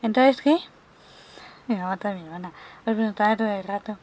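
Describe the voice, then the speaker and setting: A woman's voice: mid-range voice, fairly quick. A woman from Spain with a Spanish accent, streaming a game and chatting with lots of exclamations. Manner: chatty and expressive, with frequent exclamations. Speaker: gaming streamer. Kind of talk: live-stream chat.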